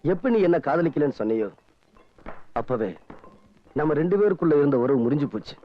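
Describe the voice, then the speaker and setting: A wounded young orphan husband, as a man acts him out, reproachful, his fairly high voice rising and falling widely. The recording is dull, with soft film music behind it. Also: animated, fairly quick, a little hiss or hum, natural voice. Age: young adult. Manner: bitter, reproachful. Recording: muffled film soundtrack with music.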